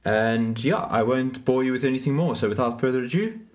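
A man co-hosting a podcast who speaks with hesitant pauses and fillers. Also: medium pitch, darkish tone. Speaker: podcast co-host. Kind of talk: casual podcast chat.

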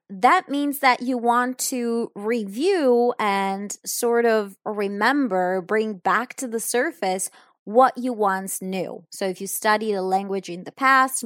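A young Italian woman learning English gives unscripted answers in a lesson, speaking slowly and deliberately and taking her time. She sounds thoughtful and slightly hesitant, filling pauses with soft ums. Her fairly high voice is close and dry, with no room sound.

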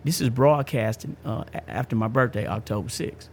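With medium pitch and normal speed, a man in his fifties hosts a podcast and recounts his own experience in an emphatic, slangy, repetitive way. A little hiss or hum can be heard.

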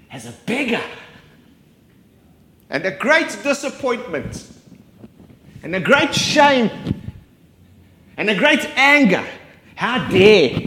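A man preaching a sermon, his delivery rising and falling with dramatic pauses. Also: on the high side, fairly bright tone, reverberant. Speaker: pastor.

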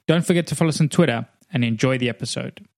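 Male podcast host, dry booth sound, medium pitch; clear scripted read of ads and intros. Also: no room sound. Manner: clear, deliberate read; slowly spells out web addresses.

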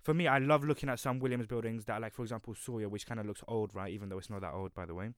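A young man talks quickly and freely as a podcast co-host, wandering through his points and correcting himself as he goes. His voice is smooth and clear. The recording is dry and close. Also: on the low side, fairly even intonation, dry recording. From London, United Kingdom. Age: young adult. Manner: chatty, rambling, self-correcting. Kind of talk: casual podcast chat.

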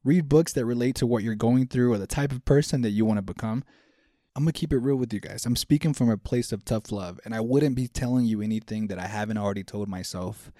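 Speaking fast in a mid-range voice with a dark tone, a thirties-aged podcast host delivers a motivational self-help talk. He addresses his audience earnestly and directly, frequently restating his points. The sound is clean studio audio with no echo.

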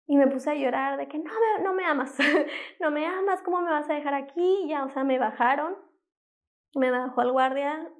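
High-voiced young woman telling her story. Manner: fast storytelling, acting out quoted exchanges. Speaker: interview guest. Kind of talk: personal testimony.

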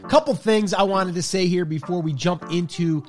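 Male podcaster, middle-aged, slightly high voice, sick with a head cold, conversational solo delivery. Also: moderate pace, a little mellow, faint music behind. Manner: informal, conversational. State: under the weather with a head cold, sinusy. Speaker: podcast host. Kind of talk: podcast monologue to listeners.

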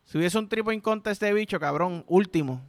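High-voiced Puerto Rican man. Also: fairly quick, dry recording. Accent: Puerto Rican Spanish. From Puerto Rico. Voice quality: profane, animated storytelling with sound effects. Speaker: podcast host. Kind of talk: crude comedic monologue.

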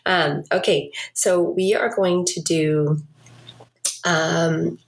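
A woman's voice: on the low side, steady tone, very slow, vocal fry, a little hiss or hum. A woman leading an exercise class as a fitness instructor, giving cues and countdowns in an encouraging way. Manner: encouraging, coaching.

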